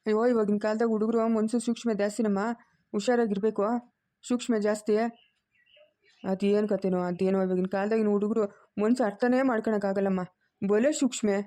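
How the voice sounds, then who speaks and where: A woman voicing a calm, sensible middle-aged village man. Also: mid-range voice, fairly quick, pitched below the performer's own voice, lightly acted. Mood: soothing.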